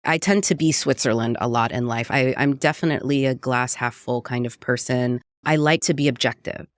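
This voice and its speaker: A woman's voice: a bass voice, a little fast, dry recording, clean studio sound. Earnest reflective woman interview guest. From Puerto Rico. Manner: earnest and reflective, frequent "right?" tags. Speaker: guest, cookbook author and radio producer. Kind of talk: conversational interview.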